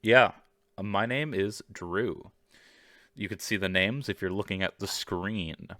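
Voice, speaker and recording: A man co-hosts a podcast over a video call, chatting casually, cracking jokes and swearing freely into his video call mic. He has a deep, fairly bright voice at a measured pace, with studio-quality sound and no echo.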